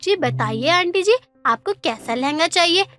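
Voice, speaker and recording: A woman doing a sweet young tailor girl, polite and gentle, high voice, soft music under. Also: lively intonation, normal speed, full character voice. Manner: gentle, respectful.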